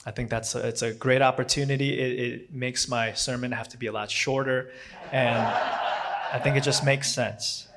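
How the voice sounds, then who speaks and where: The recording is very noisy, carrying a man's flat, mid-range voice at a moderate pace. English isn't his native tongue, and his casual sermon rambles, with frequent fillers, restarts, and corrections of himself.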